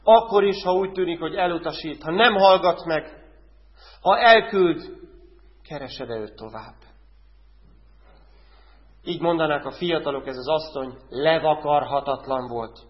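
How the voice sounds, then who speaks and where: A male preacher giving a sermon, who keeps asking his listeners direct questions and swings between loud, urgent lines and hushed ones. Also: on the high side, long pauses. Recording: dull sound with a long hall echo.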